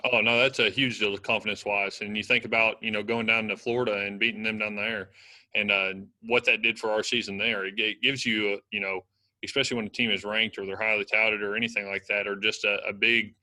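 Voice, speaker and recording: A young man answers press questions at a brisk clip, piling on "you know" and "uh" as he goes. His voice is bright and tense, with a flat, steady pitch. The recording is dry and close. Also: dry recording, low-quality recording. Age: young adult. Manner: fast, filler-heavy talk with many "you know"s. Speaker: college football offensive lineman.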